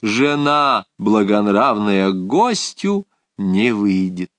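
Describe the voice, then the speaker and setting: A man voicing a courteous king from an old verse epic, speaking in a slow, measured way. His pitch moves a lot and the recording is dry. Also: animated, fairly bright tone, no echo. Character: mild, deferential king.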